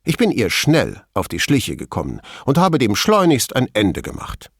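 A man reading an audiobook, voicing a middle-aged male lab chief who is smug and gossipy, raising his voice high and letting it swing widely. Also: moderate pace, creaky, breathy edge, dry recording, clean studio sound, full character voice. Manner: high, animated, mocking bursts.

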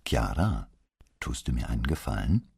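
A man with a very deep, husky voice voicing a dry, understated middle-aged police commissioner in an audiobook. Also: very animated, moderate pace, darkish tone, dry recording, heavily acted. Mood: gentle. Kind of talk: audiobook character voice.

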